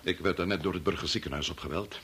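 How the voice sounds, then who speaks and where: An actor in a Dutch radio drama plays a middle-aged doctor-scientist and father of a grown son, preoccupied and domineering, muttering or speaking curtly. His voice sits low, moves fast and sounds a bit bright, with a grave, strained mood and slight background noise.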